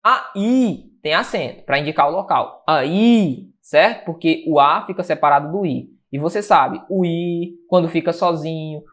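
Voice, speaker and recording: Energetic exam-prep teacher. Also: male voice, a little high, normal speed, hardly any pauses. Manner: energetic, asks and answers his own questions. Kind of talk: lively exam-prep lecture.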